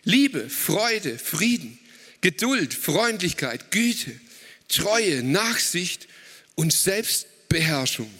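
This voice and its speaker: A man preaching a sermon at a church service, slow and emphatic, setting out words one by one. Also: high voice, big pitch swings, fairly bright tone, long reverb tail.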